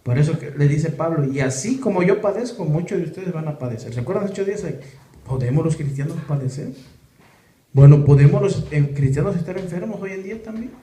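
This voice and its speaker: A pastor with a fairly high, expressive and warm voice preaches a sermon fairly quickly in a church hall, asking the congregation many rhetorical questions. A camera or phone in the room picks up the echoey sound, with faint noise.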